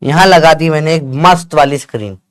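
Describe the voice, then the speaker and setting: A man's voice: on the high side, fairly quick, smooth, dry recording. A man teaching a casual lesson, chatty and joking, often checking whether his students follow.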